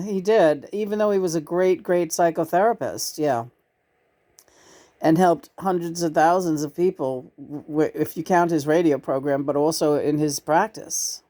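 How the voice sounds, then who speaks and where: A woman from New York City hosting a casual, reflective channeling chat, with halting, deliberate phrasing. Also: low-pitched, warm tone. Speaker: host and channeler.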